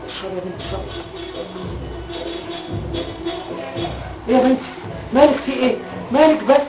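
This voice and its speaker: A man's voice: extremely high pitch, animated, racing, loud music behind the voice. A man playing a worn-out father in an amateur film, speaking in a weary, despairing way. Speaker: father character. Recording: echoey, distant, faint noise.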